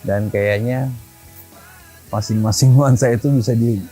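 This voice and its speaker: Easygoing lower-voiced man hosting a vlog. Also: steady tone, unhurried, warm tone, soft background music, low-quality recording. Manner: easygoing, agreeable, casual slang. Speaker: vlog host. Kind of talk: vlog narration and chat.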